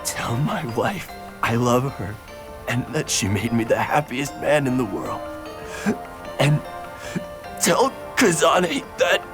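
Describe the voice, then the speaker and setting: A man voicing a wounded, dying police officer in an animated drama, speaking weakly in halting gasps. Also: mid-range voice, over music. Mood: weak, tender. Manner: weak, gasping, halting wounded delivery.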